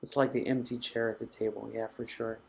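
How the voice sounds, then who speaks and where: A man hosting a live mindfulness session, speaking in a reflective, halting way as he reads out viewers' comments. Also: medium pitch, little pitch movement, vocal fry. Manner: reflective, soft-spoken and halting. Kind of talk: casual live-stream talk reading viewer comments.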